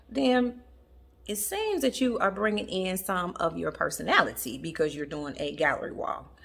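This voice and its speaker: A woman talks straight to the camera from her own home, and her bright voice leaps up and down as she makes her points. She is chatty and emphatic, laughs easily, and keeps calling her viewers y'all. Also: on the low side, creaky. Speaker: interior design vlogger. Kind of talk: casual chat to camera. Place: at home in a family room. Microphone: camera in the room.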